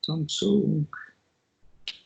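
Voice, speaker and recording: A woman's voice: drawn-out words, a little hiss or hum. A woman learning a language on a video call, hesitant and thinking aloud as she practices. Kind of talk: casual lesson chat. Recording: dull lo-fi video call audio.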